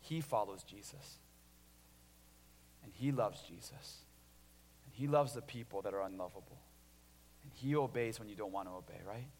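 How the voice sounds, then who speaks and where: A man in his thirties from Illinois preaching a sermon as a pastor, telling stories with lively restarts and swings between loud and hushed delivery. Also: lowish voice, normal speed, pauses often. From Illinois, USA. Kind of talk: sermon with personal story. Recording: long hall reverb.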